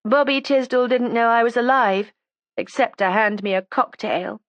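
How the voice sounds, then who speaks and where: A sharp, resentful young woman whose audiobook voice rises high against the plain narration, sarcastic and combative. A woman reader puts her on in a dry, close recording. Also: normal speed, dry recording, lo-fi sound, natural voice. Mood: defiant. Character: defiant resentful young woman making a false confession. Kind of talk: audiobook character voice.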